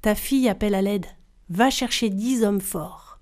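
A firm, fair-minded father , voiced by a woman telling a tale, speaking a little lower and quieter. He sounds decisive and will not be argued with. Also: moderate pace, close to an everyday voice.

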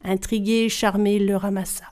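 A woman storyteller telling a folktale aloud, expressive and speaking directly to her listeners. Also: mid-range voice, fairly quick.

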